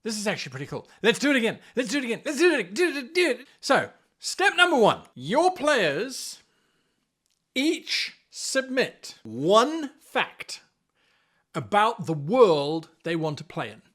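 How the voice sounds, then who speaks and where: With his high voice swooping wildly in pitch, a man explains to camera at a moderate pace on his tabletop game-mastering show. The fairly bright delivery is scripted and animated, full of theatrical, exaggerated emphasis.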